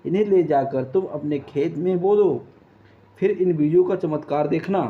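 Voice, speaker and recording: A man voicing a kind, wise old sage who speaks in a calm, reassuring way. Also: fairly high pitch, moderate pace, close to an everyday voice. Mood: soothing. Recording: dull lo-fi.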